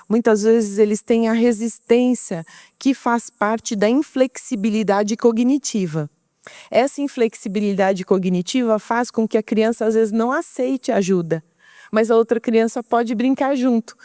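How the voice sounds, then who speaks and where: A woman's voice: medium pitch, warm tone, no echo, clean studio sound. A middle-aged woman with a Brazilian Portuguese accent, giving an informal talk and explaining patiently, often asking and answering her own questions.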